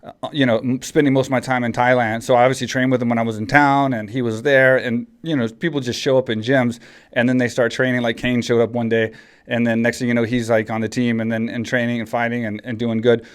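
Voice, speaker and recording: In casual podcast chat, this host, a Texas man in his forties, rambles along with lots of restarts and fillers. He has a mid-range voice, a flat delivery, a fast pace and a clean tone.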